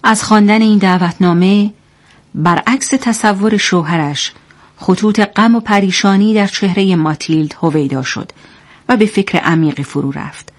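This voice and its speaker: A woman presenting scripted literary commentary in a clear, didactic manner, and narrating a story. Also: mid-range voice.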